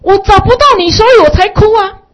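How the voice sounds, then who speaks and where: A woman's voice: very high voice, fairly quick, voice pushed up. A woman voicing a small lost child who pleads tearfully for its parents, on a dull lo-fi recording. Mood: tearful pleading.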